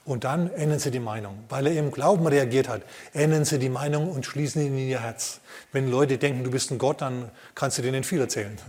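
Preacher man, mid-pitched, animated storytelling sermon, long church-hall reverb. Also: a little fast. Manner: lively storytelling with rhetorical asides. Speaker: pastor.

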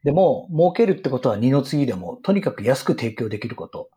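A middle-aged man with a husky, rough voice explains business strategy in an interview in an earnest, emphatic way. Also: mid-range voice, big pitch swings, fairly quick, warm tone. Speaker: retail business guest expert.

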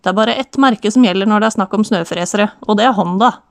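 Woman reading a brisk Southern Norwegian male auctioneer for an audiobook, chatty wry patter, dry studio sound. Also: high voice, gravelly, dry recording.

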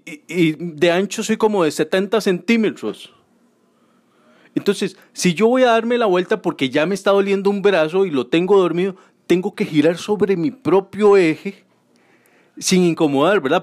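A man's voice: high voice, a little mellow. A man around forty, doing a crude, self-mocking stand-up comedy monologue.

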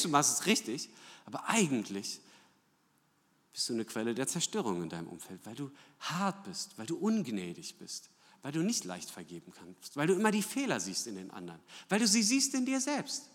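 A man's voice: mid-range voice, a bit bright. A man preaching a sermon, asking rhetorical questions and often checking in with "ja?". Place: church hall. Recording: long church hall reverb.

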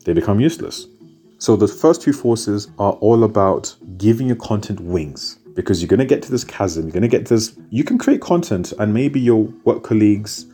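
A content marketing speaker, born in Zimbabwe and raised in the UK, explains content strategy in a talk. His voice is low and warm, and he keeps repeating himself, stacking phrases into lists for emphasis.

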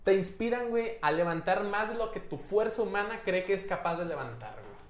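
A man's voice: sits high, fairly quick. A man with a central Mexican accent, hosting a casual chat, joking and full of slang. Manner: joking, animated, peppered with slang. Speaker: podcast host. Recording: roomy echo.

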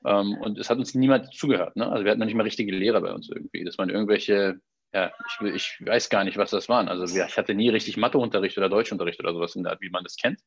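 A man from Berlin, Germany tells personal stories in a casual, conversational way, often ending statements with a questioning "ne" to check in. His voice is fairly low with fairly even intonation, and he talks rapid-fire. The recording is dull, dry and lo-fi.

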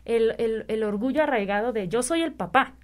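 A woman's voice: a little high, normal speed. A woman talking about parenting in a casual conversation, rambling and checking in with tag questions. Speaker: parenting speaker.

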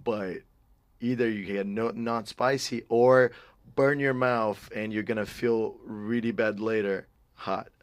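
A man co-hosting a podcast in casual chat, with quick, reactive interjections. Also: fairly low pitch, fairly even intonation, dry recording. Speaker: podcast co-host.

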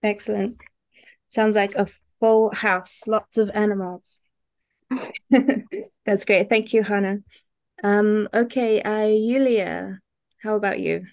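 A woman's voice: medium pitch, steady tone, slow, gravelly, pauses often, a little mellow, dry recording. A woman teaching an online English group lesson, patiently prompting each student to introduce themselves.

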